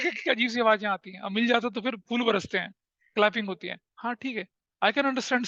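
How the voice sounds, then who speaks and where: A teacher with a high, bright, forceful voice lectures and tells stories animatedly, frequently asking his class questions. The recording is dry and a bit muffled.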